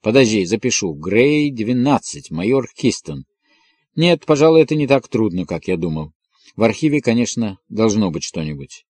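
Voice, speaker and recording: A man's voice: on the low side, expressive, a little fast, darkish tone, no room sound. A man reading an audiobook and voicing a wry male friend who jokes with the hero during a phone call. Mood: teasing. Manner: joking, mock-teasing.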